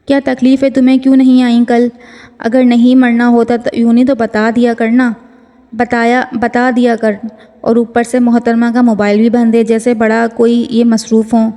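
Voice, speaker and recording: Fiery, fussing young friend, read by a woman; mellow, echoing. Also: a little high, level tone, lightly acted. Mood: scolding. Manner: scolding. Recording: long hall reverb.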